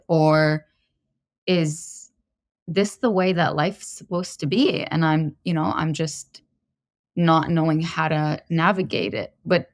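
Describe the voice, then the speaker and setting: A woman in her thirties from Lebanon, a podcast guest telling her personal story in a measured, introspective way. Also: low-pitched, no room sound, studio quality. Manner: measured and introspective, pausing to find words.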